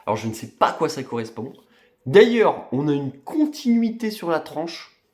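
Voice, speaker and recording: Man, casual collector chat, rambling with fillers, animated intonation, roomy echo. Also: fairly high pitch, normal speed. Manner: chatty, rambling, many fillers and restarts. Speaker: collector vlogger. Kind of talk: casual unboxing show-and-tell.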